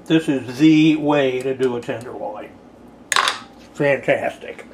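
An easygoing man talks slowly through his cooking in a home kitchen, dropping dry little asides. His voice sits at an ordinary middle pitch. Faint sizzling from the pan hums underneath. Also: background noise. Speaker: home cook. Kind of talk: casual cooking narration.

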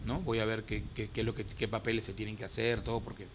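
A man's voice: lowish voice, little pitch movement, fast, background noise. A man with a Peruvian Spanish accent, a racehorse owner chatting as a studio guest, talking in an emotional, rambling way full of fillers. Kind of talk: casual studio chat.

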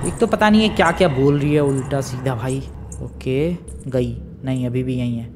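A man giving lively, chatty commentary on his own gameplay, talking straight to his viewers. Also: medium pitch, normal speed, a little hiss or hum. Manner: excitable, chatty, talks to viewers as "bhai" and "guys". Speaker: gaming YouTuber.

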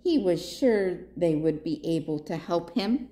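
A woman librarian reading a picture book aloud to children in an expressive way, pausing to ask her listeners questions. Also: on the low side.

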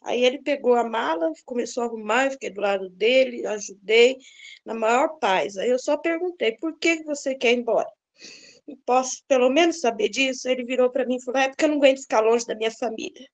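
A woman's voice: a little high, fairly quick. A middle-aged woman, earnestly recounting a personal story and acting out the dialogue. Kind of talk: personal testimony, casual storytelling.

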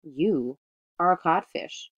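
A woman's voice: lowish voice, animated, takes it slowly, no echo, highs cut off. A woman reading the lines of a cocky, playful boy who teases and brags. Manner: boastful, teasing.

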